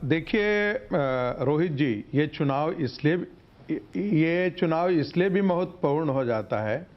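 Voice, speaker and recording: A man's voice: a little high, animated, slow pace, lo-fi sound. A man speaking as a panelist in a televised debate over a remote line with echo, hesitant and restarting his sentences. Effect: echoey remote audio line.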